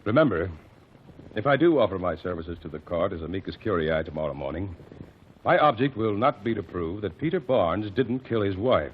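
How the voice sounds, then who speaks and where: In a piece of 1940s radio drama, an actor with a low voice plays a calm, methodical lawyer-detective who cross-examines witnesses in court and leads as amicus curiae. His delivery is measured and formal, with precise diction. The old broadcast sounds dull, with a faint hiss.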